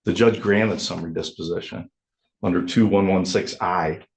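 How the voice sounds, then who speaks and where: Male attorney, low-pitched, measured anecdotal argument to the court. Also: steady tone, a little mellow. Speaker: attorney addressing a judge.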